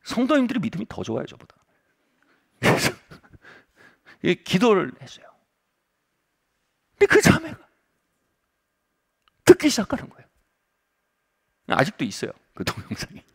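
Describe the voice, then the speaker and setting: A man's voice: high voice, wildly swooping pitch, a little slow, vocal fry, long pauses, slightly rough. A middle-aged male pastor preaching a revival sermon, telling a story with humor.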